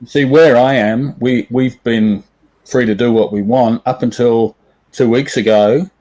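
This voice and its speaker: A man's voice: medium pitch, steady tone, a little slow, warm tone, poor audio. A man chatting casually as a guest on a video call, laid-back and rambling. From Australia. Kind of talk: casual chat.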